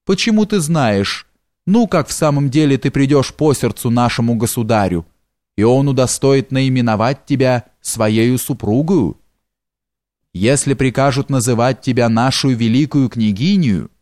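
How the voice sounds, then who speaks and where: A man's voice: medium pitch, expressive, moderate pace, darkish tone, no room sound, studio quality, natural voice. A man voicing a sly, fawning male steward in an audiobook, with a coaxing, wheedling way of talking.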